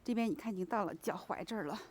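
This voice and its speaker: There's slight background noise as a woman with a mid-range voice talks rapid-fire into a handheld camera. Hosting her channel, she narrates her walk through the snow to a home and follows it with interview questions.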